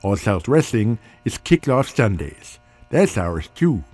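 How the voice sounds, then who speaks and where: Mellow, husky, businesslike promoter, voiced by a man. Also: fairly low pitch, sing-song, takes it slowly, dry recording, faint music behind, heavily acted. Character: shrewd male regional wrestling promoter.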